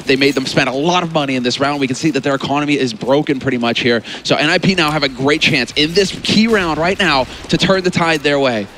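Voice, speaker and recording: A man's voice: on the high side, quick pace, hardly any pauses, a bit bright. A man working as an esports caster, giving running match commentary and analysis. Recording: faint game noise behind commentary. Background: faint video game ambience.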